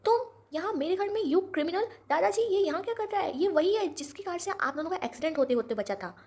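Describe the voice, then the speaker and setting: A woman voicing a hot-tempered young woman who shouts and accuses in a storybook reading. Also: a little high, lively intonation, fast talker. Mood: furious. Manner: accusing, shouting, sharp-tongued.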